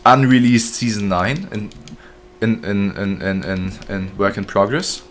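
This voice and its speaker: A man's voice: lowish voice, fairly even intonation, a little slow. A man casually commenting on his gameplay during a live stream, joking and chatting with his viewers. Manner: joking, chatty, reads chat aloud. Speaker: game streamer.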